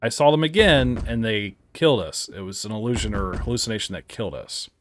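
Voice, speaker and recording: Casual gameplay commentator, male, low voice, lively and puzzled, faint hiss behind. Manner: puzzled, thinking aloud, startled yelps and laughs. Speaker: game reviewer playing a horror game. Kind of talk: casual let's-play commentary.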